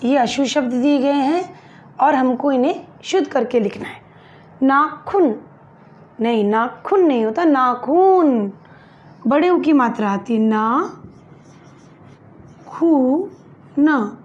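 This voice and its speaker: A woman's voice: high-pitched, animated, moderate pace, a little mellow, lo-fi sound. A woman teacher giving a lesson to young pupils, patiently spelling words out syllable by syllable and asking and answering her own questions. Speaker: school teacher.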